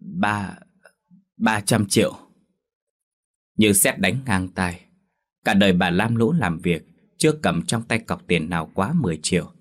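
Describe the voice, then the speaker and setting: Deep, husky male storyteller. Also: expressive, moderate pace. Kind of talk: scripted story narration.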